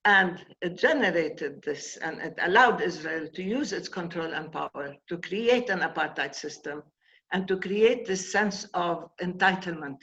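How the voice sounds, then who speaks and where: A woman's voice: lowish voice, expressive, unhurried, a bit bright, lo-fi sound. Impassioned older woman. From Palestine. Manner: impassioned, emphatic. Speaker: guest. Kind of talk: interview conversation.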